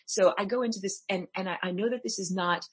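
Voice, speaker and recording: A woman's voice: mid-range voice, fast talker, a bit bright, slightly rough, dry recording. A woman speaking as a talk show guest, explaining her ideas in an earnest, conversational way.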